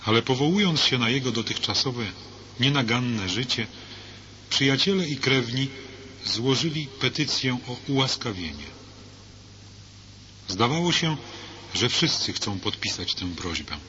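A man reading a religious book aloud in earnest, measured narration that turns to direct preaching. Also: mid-range voice, expressive, bright, forceful tone. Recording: dull lo-fi with faint hiss.

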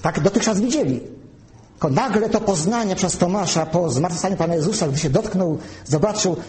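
Mellow-voiced man preaching in an echoey hall. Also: high voice. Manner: measured teaching, spells out terms slowly. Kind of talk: sermon, Bible teaching. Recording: echoey room.

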